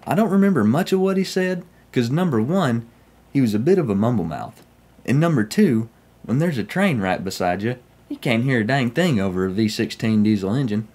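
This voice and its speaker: Brisk and lively in intonation, with medium pitch and a darkish tone, a young Southern-accented man from Oklahoma, United States, recounts his railfan adventures. He's a vlogger speaking casually and folksily in the first person from a small room in his home.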